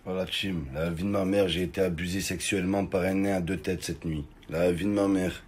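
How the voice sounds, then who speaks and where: A man in his forties doing comic sketches and vlog monologues, loud, excitable and slangy, often breaking into shouts. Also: sits low, a little fast, breathy edge. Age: 40s. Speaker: comedian.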